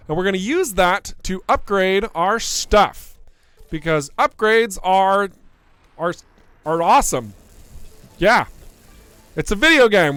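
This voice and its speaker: A man's voice: sits high, a bit bright, clear, resonant tone, dry recording. A young man, a game developer, giving playful live-stream commentary while playing, chatting with viewers and laughing often.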